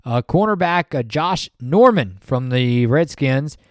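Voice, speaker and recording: A man co-hosting a podcast in casual sports chat, talking in an animated, rambling way with many fillers and restarts. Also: medium pitch, slow pace, no echo, studio quality. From Maryland, USA. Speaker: podcast co-host.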